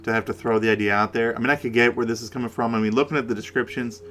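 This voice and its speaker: A man co-hosting a conversational paranormal case discussion, speaking in a halting way and repeating words. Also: medium pitch, little pitch movement, a bit bright, a little hiss or hum. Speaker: podcast co-host.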